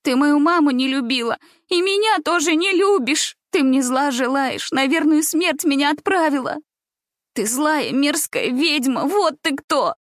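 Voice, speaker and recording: Woman doing a frantic, shrill young girl. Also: steady tone, slow pace, no room sound, studio quality. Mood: tearful rage. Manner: pleading, then tearful accusing cries. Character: frightened, desperate young girl.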